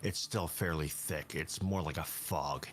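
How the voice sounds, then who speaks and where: A man's voice: extremely low pitch, fairly bright tone. A man running a tabletop role-playing game as game master, talking casually with many fillers and restarts. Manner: casual, halting, full of fillers.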